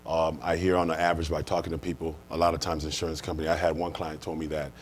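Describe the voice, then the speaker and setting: Very deep-voiced, fast-talking American man. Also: flat delivery, a little hiss or hum. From United States, born and raised. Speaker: life insurance manager, interview guest. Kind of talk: conversational interview answers, explaining.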